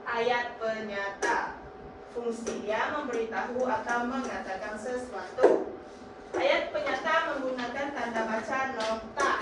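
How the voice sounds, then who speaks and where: A woman's voice: a little high, measured pace, far from the mic. A young woman playing a teacher in a classroom role-play, with a bossy, scolding manner. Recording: echoey classroom with background noise, from afar.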